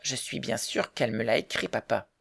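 Guy reading a gentle young woman, a bit higher and softer, gravelly. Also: lively intonation, fairly quick, exaggerated voice. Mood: tentative.

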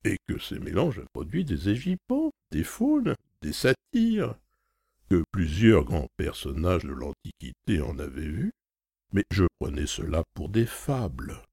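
A man's voice: sits low, wildly swooping pitch, unhurried, vocal fry, a little mellow, husky, no echo, clean studio sound, full character voice. A man doing a naive, astonished young hero. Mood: dismayed.

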